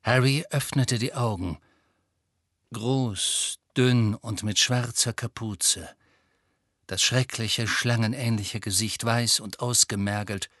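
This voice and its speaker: Guy reading an audiobook, slow, gravelly, bright tone, dry close sound. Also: medium pitch, no room sound. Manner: slow, lively storytelling. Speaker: audiobook narrator. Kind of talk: scripted narration.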